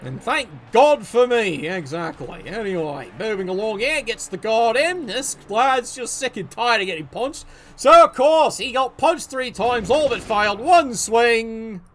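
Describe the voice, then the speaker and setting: Male game-match commentator, very high voice that swings widely, sarcastic and profane. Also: animated, a little slow, a bit bright, a little hiss or hum.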